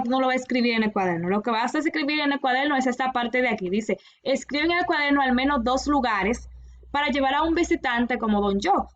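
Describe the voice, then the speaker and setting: A woman teacher explaining a lesson to children in a recorded class, patient and repeating each instruction clearly. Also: high-pitched, lo-fi sound. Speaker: primary school teacher.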